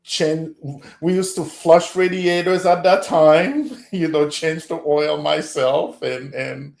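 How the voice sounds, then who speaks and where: A man from Haiti, a guest on a podcast interview, talking in a slow, reflective way and chuckling often. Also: fairly high pitch, little pitch movement, gravelly, a little mellow, reverberant.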